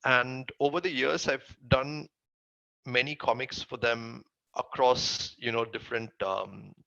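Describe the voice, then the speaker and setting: A man's voice: medium pitch, fairly even intonation, a little slow, vocal fry, bright, forceful tone, no room sound, dull audio. A man with a Tamil accent giving casual interview answers as a guest, recounting his work. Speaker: interview guest, comic writer.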